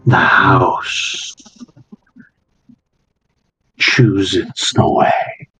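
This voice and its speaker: A man voicing an eerie servant of a haunted house in a tabletop game, in a low gravelly growl, very slowly and menacingly. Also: bright, forceful tone, no echo, faint music behind, full character voice, poor audio. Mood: hushed, eerie. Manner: very slow, drawn-out, menacing delivery.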